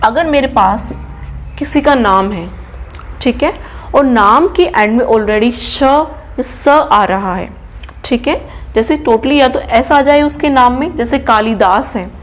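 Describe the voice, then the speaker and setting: A woman's voice: fairly high pitch, expressive, takes it slowly. A woman who is an English trainer, teaching a classroom grammar lesson step by step and checking in with her class after almost every point. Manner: explains step by step and keeps checking with "ठीक है?"; poses questions to the class, then answers them herself.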